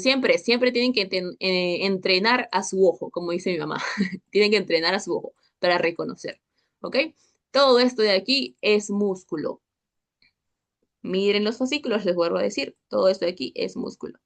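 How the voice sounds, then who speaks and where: Chatty young woman teaching histology. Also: medium pitch. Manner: chatty, checks in with constant "¿ok?" and "¿listo?". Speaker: histology tutor. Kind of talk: online class lecture.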